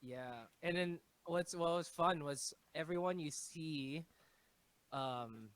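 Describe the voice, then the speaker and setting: Chill songwriter guy, laughs easy, kinda high voice. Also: slow. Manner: relaxed, laughs easily. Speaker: band member, songwriter. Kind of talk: casual chat.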